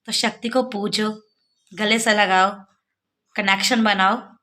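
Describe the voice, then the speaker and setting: A woman's voice: mid-range voice, steady tone, slow, sharp tone. A middle-aged woman from Jammu with a sore throat, talking earnestly to her viewers in a casual devotional vlog, pleading and explaining. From Jammu, India. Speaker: devotional vlogger.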